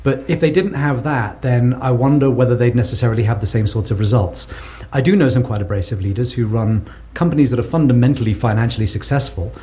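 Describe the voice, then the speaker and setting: Talking fast with few pauses, a man with a mellow, medium-pitched voice answers podcast interview questions in a conversational setting. He's a South African guest researcher who responds thoughtfully and often repeats words while building a point.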